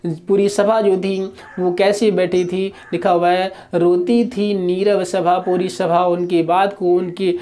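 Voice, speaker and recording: Slow, mellow-voiced man teaching poetry. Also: sits high. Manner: measured, explanatory, repeats and rephrases lines; chants the verses in a drawn-out singing way. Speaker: Hindi literature teacher. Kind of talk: explaining a poem in a class lesson.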